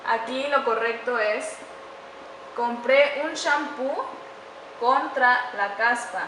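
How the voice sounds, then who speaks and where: A woman explains grammar mistakes in a measured, classroom-presentation style, slowing down to spell out each example sentence. Her voice is bright and somewhat high. The room around her is echoey, with a faint background hum. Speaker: student presenter.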